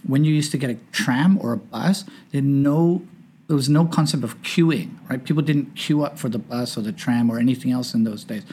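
A husky, darkish mid-range voice comes from a man in his fifties who was born in Northern Ireland and raised in Hong Kong. As a guest on a casual podcast, he tells jokey, self-deprecating stories.

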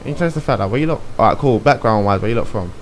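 A man's voice: medium pitch, very fast. A young man with a London accent hosting a casual, slangy interview full of banter. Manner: animated, slangy. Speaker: interviewer, host. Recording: faint background noise.

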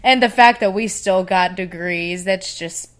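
A woman's voice: fairly low pitch, measured pace. A woman in her twenties with an Appalachian Tennessee accent, co-hosting a casual podcast in slangy, folksy, sometimes profane talk. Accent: Southern US, Appalachian Tennessee. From Tennessee, United States. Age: 20s. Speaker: podcast co-host. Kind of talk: casual chat.

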